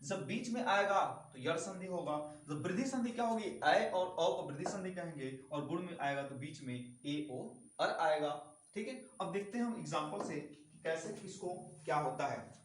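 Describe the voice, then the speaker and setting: A man's voice: on the high side, moderate pace, recorded from a distance, slight background noise. A man teaching a grammar lesson, explaining step by step, repeating key sounds and asking the class rhetorical questions. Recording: echoey room, voice from off-mic.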